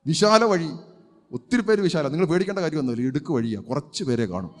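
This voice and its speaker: A man preaching at a rapid clip, his voice pitched a little high and ringing out with a long reverb through a church hall. He is a pastor delivering an emphatic sermon, asking rhetorical questions and breaking into loud shouts of praise. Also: big pitch swings.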